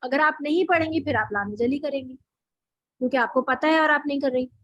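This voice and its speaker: A woman's voice: high-pitched, brisk, fairly bright tone, dry recording, dull audio. A woman teaching a recitation class, explaining patiently, often repeating and correcting herself. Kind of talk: online class lesson.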